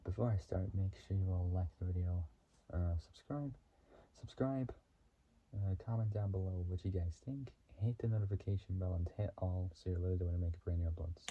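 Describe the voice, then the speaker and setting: A young man talking casually to his channel, rambling through fillers, giggles and throat clearing as he explains a movie. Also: low voice, fairly quick, mellow, a little hiss or hum. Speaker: YouTuber. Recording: dull lo-fi sound.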